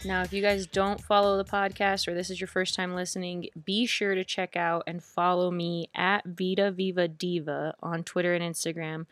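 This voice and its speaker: A woman hosting a sports podcast, reading ads and then talking with animated, laughing disbelief and frequent restarts. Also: lowish voice, normal speed, hardly any pauses, soft background music. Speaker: podcast host.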